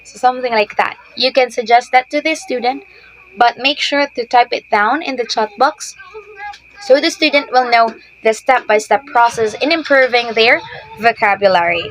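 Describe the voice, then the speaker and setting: A woman's voice: fairly high pitch, normal speed, a bit bright, a little hiss or hum, low-quality recording. A woman teacher giving patient, explanatory tips to other teachers, often checking in with "okay?". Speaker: ESL teacher. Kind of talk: instructional talk to teachers.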